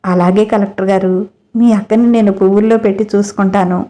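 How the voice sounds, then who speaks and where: A woman's voice: medium pitch, fairly even intonation, a little fast, mellow, natural voice. A woman voicing a good-humored young man who makes a jokingly solemn promise. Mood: playful. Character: playful young man, cheerful new brother-in-law.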